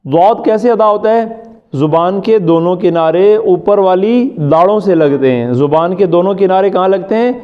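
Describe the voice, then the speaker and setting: A man from Pakistan teaching Quran recitation in class. He drills each sound by repeating it, quizzes his students and keeps checking that they follow. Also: high-pitched. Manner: often checks understanding with "ٹھیک ہے؟". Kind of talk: classroom lesson. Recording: muffled lo-fi recording.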